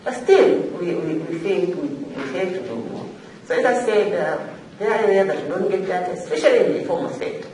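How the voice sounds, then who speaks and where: Speaking off the cuff at a forum panel, a regional official from Zanzibar, Tanzania, keeps a semi-formal tone, pausing and repeating herself to hammer home her points in a halting but emphatic way. Her fairly low, mellow voice has lively intonation. She's well back from the mic in a very reverberant room with some faint noise.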